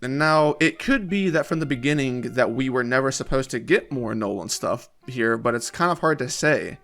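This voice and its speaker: A man reading scripted video-essay narration in a measured, critical manner. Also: medium pitch, animated, fairly bright tone.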